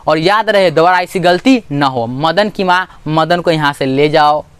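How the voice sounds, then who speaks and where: A man voicing a stern, commanding rich older gentleman who scolds a poor mother. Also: on the high side, measured pace, clean tone, no echo. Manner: commanding, lecturing.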